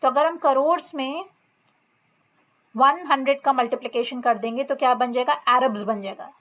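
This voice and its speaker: A woman's voice: high voice, fairly bright tone. A woman with an Indian accent teaching a maths lesson, reading textbook lines and explaining step by step. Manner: reads textbook lines slowly, explains in mixed Hindi and English.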